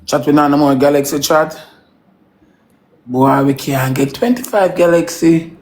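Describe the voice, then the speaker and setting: A woman's voice: sits low, fairly even intonation, a little slow, darkish tone. A Jamaican woman in her thirties hosting a live stream, coaxing her chat with repeated call-outs in patois. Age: 30s.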